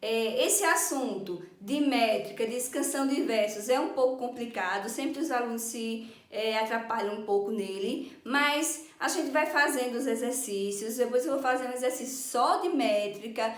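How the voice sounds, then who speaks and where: A woman's voice: fairly high pitch, normal speed, few pauses, echoey room. A woman teacher, patiently explaining a lesson and checking often that her students follow. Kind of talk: recorded online lesson.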